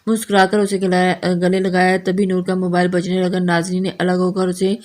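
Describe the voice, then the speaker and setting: A woman reads a novel aloud in a measured, unhurried way. Her voice is low-pitched and stays flat, with very little melody. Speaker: novel reader. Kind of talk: storybook narration.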